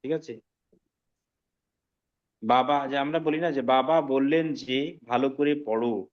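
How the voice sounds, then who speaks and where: A man teaching an online language class, explaining slowly and often checking that students follow. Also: medium pitch, highs cut off. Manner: slow, patient explaining with frequent check-ins to students. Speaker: Sanskrit teacher.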